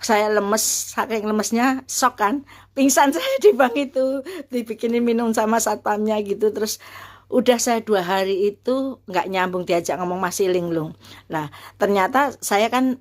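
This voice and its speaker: A woman's voice: mid-range voice, measured pace. A woman in her fifties, a university lecturer, telling a personal story casually and earnestly, with many fillers and restarts.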